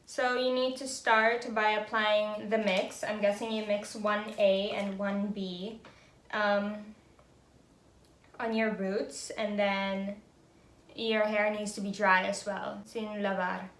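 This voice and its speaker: Speaking slowly in a flat, medium-pitched, slightly bright voice, a young woman from the Philippines narrates a casual vlog from home. She is a beauty vlogger and native speaker of Tagalog and English who thinks out loud and giggles frequently. The sound is roomy.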